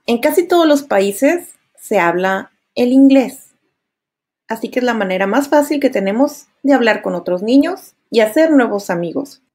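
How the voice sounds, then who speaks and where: A young adult woman teaching children English, modeling words slowly for them to repeat. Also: a little high, expressive, darkish tone. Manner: slow, clearly drilled repetitions for kids to echo. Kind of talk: children's language lesson.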